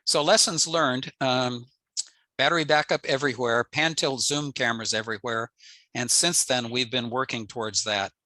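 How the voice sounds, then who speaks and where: With a medium-pitched, pushed and bright voice at a moderate pace and no echo, an older American presenter talks through slides on a video call from indoors. He's an amateur radio operator, and his informal talk is plainly explanatory.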